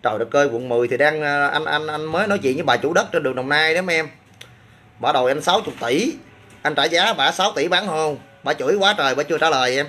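A man's voice: on the high side, fast, pushed and bright, soft background music. A man with a Southern Vietnamese accent, a gym owner chatting casually on a livestream and answering comments with boastful, crude banter.

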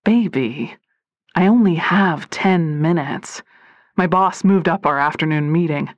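A woman narrator voicing a smooth, evasive middle-aged man who talks slowly and dismissively. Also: deep voice, no echo, dull audio. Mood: coaxing. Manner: slow, flat and dismissive.

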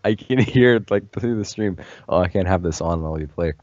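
A man's voice: low-pitched, fairly quick, a little mellow, no room sound. A man playing along in voice chat, casual and easily panicked, repeating "no" when things go wrong. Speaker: co-player. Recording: dull voice chat with faint hiss.

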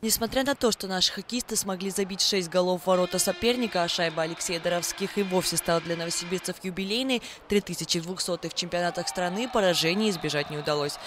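A man's voice: high-pitched, quick pace, few pauses, background noise. A man reading scripted sports news narration as a reporter.

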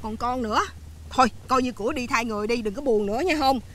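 A woman plays a sharp-tongued farmer mother in a comedy sketch, scolding quickly. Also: a little high, close to an everyday voice. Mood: soothing.

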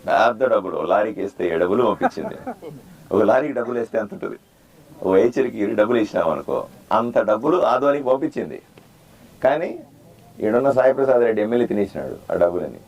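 A man, a doctor running for office, giving a repetitive, plain-spoken campaign speech that quizzes the crowd and demands loud answers. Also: on the low side, expressive, fast. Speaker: political candidate and doctor. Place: outdoor neighborhood gathering.

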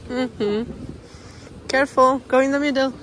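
A Romanian mother, whose first language is Romanian, vlogs casually while walking through an indoor shopping mall, talking both to the camera and to her child. Her voice is fairly high, with slight background noise, and she is chatty, coaxing and patient with the child, mixing in English phrases.

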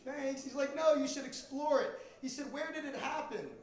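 On a comedy club stage, a middle-aged Miami man performs stand-up through a handheld microphone. His voice is very high-pitched with fairly even intonation at a normal speed, and the room is echoey with a live audience.

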